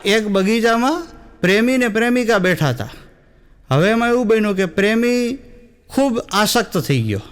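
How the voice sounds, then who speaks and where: A young adult stand-up comedian with a Gujarati accent tells comic stories on stage in a high, expressive, smooth voice at normal speed. He acts out quoted dialogue and sings snippets of wedding songs.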